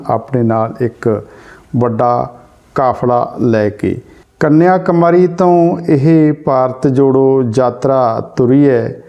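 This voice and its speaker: A man with a Punjabi accent presenting a news commentary in a measured way, rephrasing his points with several near-synonyms. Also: mid-range voice, warm tone.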